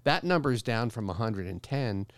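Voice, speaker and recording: A man's voice: fairly low pitch, animated, normal speed, no echo. A man, co-hosting a talk show and giving an upbeat, joking health update with frequent restarts. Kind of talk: casual chat.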